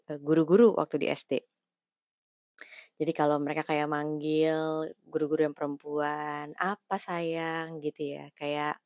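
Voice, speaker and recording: A young woman talks in a loose, personal way, full of slang and fillers. Her voice sits low, and the sound is dry and close with no room around it. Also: darkish tone, dry recording. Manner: slangy Jakarta-style chat with many fillers. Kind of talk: casual personal talk.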